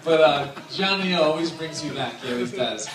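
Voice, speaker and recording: A man in his thirties with a slightly high voice speaks fairly quickly through a joking best man's toast, chatty and laughing between lines as he addresses the crowd. He uses a handheld mic through speakers in a large indoor wedding tent with a dance floor, filmed from a distance. The sound is echoey and far away, with loud noise from laughing, cheering guests.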